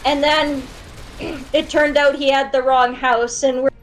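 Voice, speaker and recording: Canadian girl streaming a game, high voice, slow easy chatter. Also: little pitch movement, soft background music, poor audio. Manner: chatty, laughing storyteller. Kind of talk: casual gaming chat.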